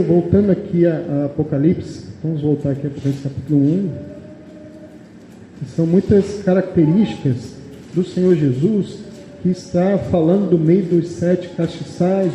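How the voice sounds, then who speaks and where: In a church meeting, a mellow, fairly high-pitched man with a Brazilian Portuguese accent preaches at normal speed, reading verses aloud, explaining them and regularly asking "amém?". The hall is echoey with long reverb and faint background noise.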